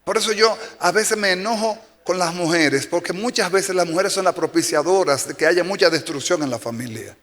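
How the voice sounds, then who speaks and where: A man's voice: high voice, normal speed, few pauses, a bit bright. A man pastor with a Dominican Spanish accent, preaching a sermon emphatically and repeating key phrases for effect. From Dominican Republic. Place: church sanctuary. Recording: long church reverb with faint music.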